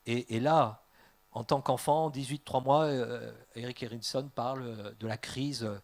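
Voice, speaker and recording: A French man, a pastor, preaching a sermon in a lively way, joking, laughing at his own asides and acting out the people he quotes with sudden loud bursts. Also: mid-range voice, a little slow. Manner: animated, acts out quoted voices with big jumps in loudness.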